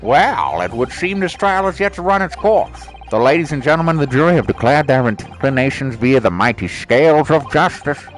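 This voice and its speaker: A man's voice: fairly high pitch, lively intonation, fairly quick, few pauses, soft background music, pitched above the performer's own voice, lightly acted, poor audio. A man voicing a grandiose, ceremonious courtroom judge in a video game. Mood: solemn, ceremonious. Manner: pompous, ceremonious.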